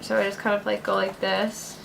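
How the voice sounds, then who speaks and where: A woman's voice: mid-range voice, level tone, fairly quick, gravelly, fairly bright tone. Young female vlogger, casual talk-through makeup tutorial, breezy filler-heavy delivery, faint background hiss. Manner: chatty, upbeat, lots of "like" and "gonna". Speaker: beauty vlogger.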